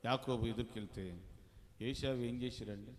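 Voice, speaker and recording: Pastor preaching in an echoing church hall. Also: male voice, medium pitch, steady tone, normal speed. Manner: calls out to the congregation for hallelujahs and clapping; swings between soft asides and loud proclaiming. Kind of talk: fasting prayer sermon. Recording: long church hall reverb.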